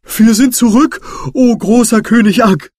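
A man's voice: very high-pitched, unhurried, darkish tone, dry recording, studio quality, voice pushed up. A man voicing an eager, breathless male goblin servant in a storybook reading. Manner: panting, eager to please.

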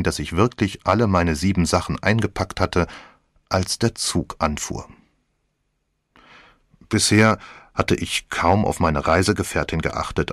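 Deep-voiced male audiobook narrator. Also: dry recording, clean studio sound. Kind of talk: scripted first-person narration.

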